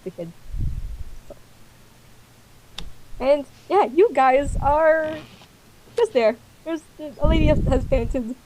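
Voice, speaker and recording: A woman game master narrating a tabletop game casually, improvising in a halting way. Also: high voice. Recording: noisy recording with clicks.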